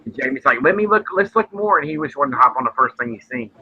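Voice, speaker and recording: A man in his forties tells a rambling story in casual conversation. His mid-range voice is expressive and he talks fast. The audio is dull and lo-fi with faint noise.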